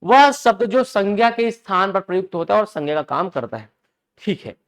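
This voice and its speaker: A male teacher with a fairly high voice lectures a live class in Hindi sprinkled with English terms. He keeps drilling the students with questions and repeats key phrases over and over. He checks constantly that everyone follows along. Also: expressive, a little fast, fairly bright tone.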